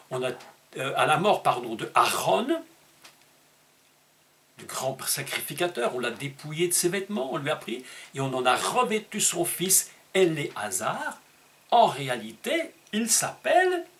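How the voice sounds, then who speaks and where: A man preaching a sermon, emphatic and teaching, asking rhetorical questions and leaping up in pitch on key words. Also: a bit bright. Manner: emphatic teaching tone with dramatic pitch leaps and slowed stressed words.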